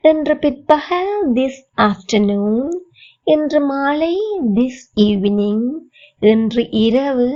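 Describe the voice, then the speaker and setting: A woman teacher with a Tamil accent, giving a spoken English lesson in Tamil and drilling each phrase slowly. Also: a little high, darkish tone, dull audio.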